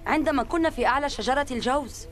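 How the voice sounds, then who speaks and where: A woman's voice: sits high, rapid-fire, faint music behind, close to an everyday voice. A woman playing an eager, stubborn little village boy in a film drama. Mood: downcast.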